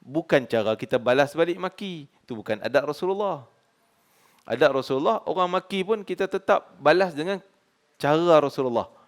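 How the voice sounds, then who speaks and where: A man in his forties with a Malaysian Malay accent, teaching a hadith study class in a conversational way, often asking the audience "kan?". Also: medium pitch. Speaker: religious teacher.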